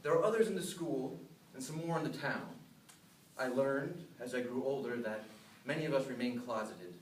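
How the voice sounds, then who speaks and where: An American man delivering a memorized humorous speech to an audience, with deliberate pauses and self-deprecating punchlines. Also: medium pitch. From upstate New York, USA. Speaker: contestant giving a humorous club speech. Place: live speech in a room. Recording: roomy, distant mic, some noise.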